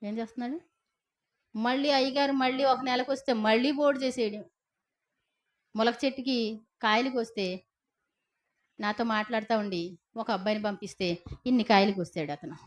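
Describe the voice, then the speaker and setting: A woman's voice: on the high side, steady tone, moderate pace, pauses often. A middle-aged woman preaching a sermon in a chatty, storytelling way, often asking her listeners questions. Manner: conversational preaching with rhetorical questions and tag questions.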